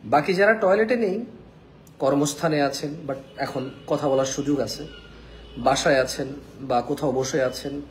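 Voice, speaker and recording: A man's voice: on the high side, a little hiss or hum. A man teaching Quran pronunciation in a live online lesson, coaxing viewers to repeat each letter after him and checking in often. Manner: repeats Arabic letters slowly, checks in with "কেমন?".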